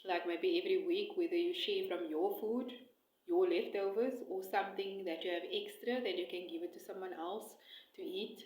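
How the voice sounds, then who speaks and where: A woman food vlogger with a fairly low voice talks casually to camera. She rambles hesitantly in short phrases with pauses between them. The phone recording has a clearly echoey room sound. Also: darkish tone. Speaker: food vlogger and cookbook author. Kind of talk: casual eat-along chat to camera. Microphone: phone close by, no attached mic.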